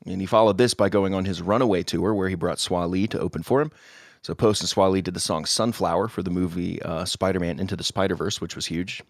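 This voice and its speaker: Low-voiced man recounting podcast notes. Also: fast talker, no echo, clean studio sound. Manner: steady recounting, with short agreeing interjections. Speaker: podcast co-host. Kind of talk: casual podcast chat, reading research notes.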